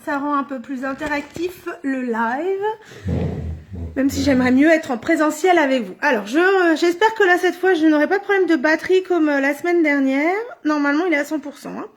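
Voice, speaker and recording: Brief: high-pitched middle-aged woman, live craft demo host, chatty and thinking aloud at her table. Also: moderate pace. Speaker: card-making demonstrator. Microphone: phone or camera on a stand.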